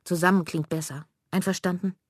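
A woman voicing a friendly, curly-haired boy with gentle, slightly halting phrasing. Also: on the low side, fairly even intonation, husky, no room sound, studio quality. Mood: kind.

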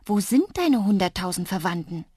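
A woman's voice: mid-range voice, big pitch swings, moderate pace, darkish tone, husky, no echo, studio quality. A woman playing an anxious young girl who pleads eagerly. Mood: pleading.

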